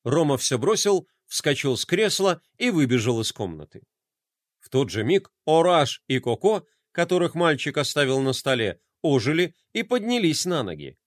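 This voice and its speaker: A man narrating a children's story with expressive delivery. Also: a little high, normal speed, no room sound, clean studio sound.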